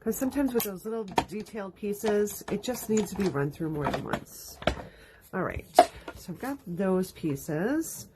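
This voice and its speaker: A crafting host with a lowish voice runs a live card-making demo from her craft room, chatting through each step as she works. Allergies leave her stuffy and sniffling. The background is noisy, with a dog dragging its bed around.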